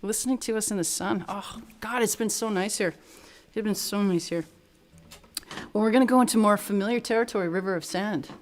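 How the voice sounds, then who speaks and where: A woman musician chatting casually and playfully with viewers between songs on a live stream, her voice drenched in cave-like reverb. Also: mid-range voice. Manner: chatty and playful, quick bursts of talk. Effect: heavy cave-like reverb on her speaking voice.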